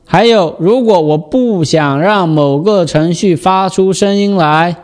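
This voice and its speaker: A man giving a step-by-step software tutorial, explaining and patiently repeating the key steps. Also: sits high, unhurried.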